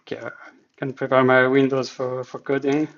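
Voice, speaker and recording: Through a slightly dull lo-fi stream mic, a man from Switzerland whose native language is French speaks French-accented English as he sets up his casual live dev stream. His mid-range voice is flat and fairly bright at a moderate pace, and he thinks aloud hesitantly, with many fillers.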